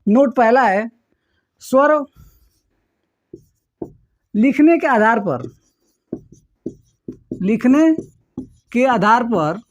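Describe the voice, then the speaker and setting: A man's voice: very high-pitched, expressive, very slow, long pauses, highs cut off, soft background music. A man teaching a grammar lesson online who repeats phrases word by word and keeps checking in with the listener.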